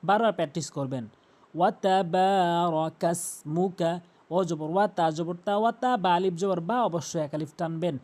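A man teaching Quran pronunciation in a step-by-step lesson. He spells out each letter and vowel mark, then recites the words slowly and repeats them for practice. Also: sits high, expressive, darkish tone.

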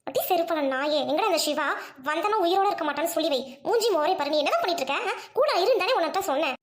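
A woman's voice: very high voice, animated, fast, pitched below the performer's own voice. A woman doing a brash, scolding college girl. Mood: furious. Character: bossy young college girlfriend, brash and scolding. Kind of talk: Tamil audio drama acting.

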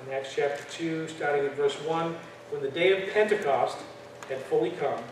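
A man's voice: a little high, moderate pace. A man teaching a church class in a conversational lecture style, with frequent fillers and restarts. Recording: echoey room from far off, faint noise.

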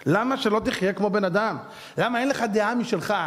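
A man, a rabbi, giving a lively sermon with anecdotes, acting out voices in quotes and firing rhetorical questions. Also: sits high. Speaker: rabbi giving a Torah lecture. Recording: long hall reverb.

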